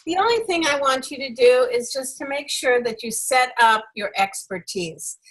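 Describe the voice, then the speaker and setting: Woman, speaking coach, high and husky voice, effusive, emphatic, encouraging group feedback. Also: animated, normal speed, low-quality recording. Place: online group video call.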